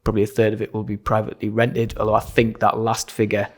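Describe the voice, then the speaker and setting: A man's voice: fairly low pitch, completely flat delivery, fast. A middle-aged man with a toned-down Sunderland, North East English accent, chatting as a pastor being interviewed. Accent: Sunderland, toned down towards general North East English. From Sunderland, North East England. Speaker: pastor, podcast guest. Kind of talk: conversational interview. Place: church side hall.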